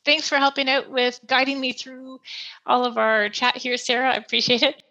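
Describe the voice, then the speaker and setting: A woman's voice: sits high, level tone, moderate pace, bright, forceful tone, muffled recording. A woman hosting a podcast, explaining in a chatty, plain-spoken way as a pet store expert. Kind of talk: casual explanatory podcast chat.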